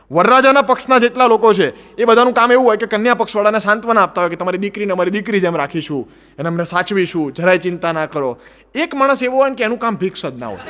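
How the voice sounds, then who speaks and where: A man with a Gujarati accent doing animated stand-up storytelling, acting out the people in his jokes. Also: sits high, in a large hall. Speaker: stand-up comedian.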